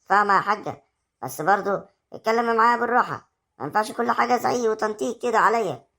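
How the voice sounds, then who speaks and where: A woman's voice: fairly high pitch, lively intonation, racing, gravelly, sharp tone, heavily acted. A woman with an Egyptian accent acting a young village wife who coaxes her husband in an amateur family drama. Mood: pleading. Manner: coaxing, persuasive.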